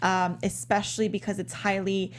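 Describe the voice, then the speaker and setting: A woman at mid pitch speaks on a studio panel with faint noise behind her. She is measured and lays out her argument step by step. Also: little pitch movement. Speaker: panelist on a TV review show. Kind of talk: casual panel discussion.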